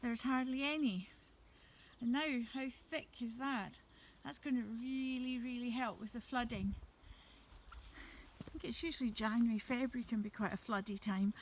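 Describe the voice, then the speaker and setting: A woman chatting gently to her viewers while walking her dogs outdoors through woods by a river. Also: on the high side, fairly even intonation, moderate pace, long pauses, a little hiss or hum. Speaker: vlogger. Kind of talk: casual walking vlog narration.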